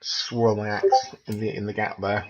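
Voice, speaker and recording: A man's voice: lowish voice, big pitch swings, moderate pace. Joking man on a dull, hissy mic. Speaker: player. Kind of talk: casual tabletop game play.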